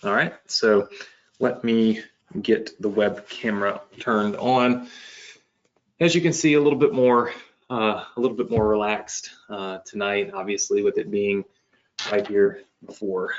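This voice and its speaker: Broadcasting from a home-desk webcam, a low-voiced man in his late thirties runs a live online business show, chatting loosely and circling back with plenty of fillers and restarts. His tone is steady, his pace measured, and the stream audio sounds dull and lo-fi.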